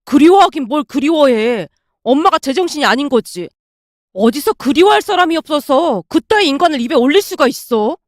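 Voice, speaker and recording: A woman's voice: high-pitched, animated, fairly quick, no echo, studio quality. A woman voicing a hot-tempered young husband who bursts out in anger. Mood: angry. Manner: heated, shouting outbursts.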